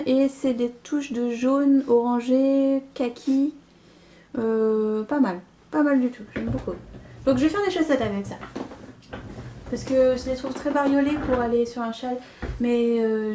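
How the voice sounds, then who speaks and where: A woman's voice: sits high, dark tone. A young woman hosting a knitting podcast, chatting casually about yarn she received, with frequent fillers and little laughs. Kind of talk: casual chat showing yarn haul.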